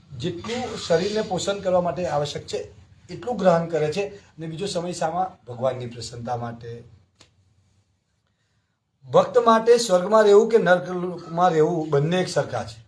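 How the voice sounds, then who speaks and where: A man giving a devotional scripture class, telling stories and asking his listeners frequent rhetorical questions. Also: high voice.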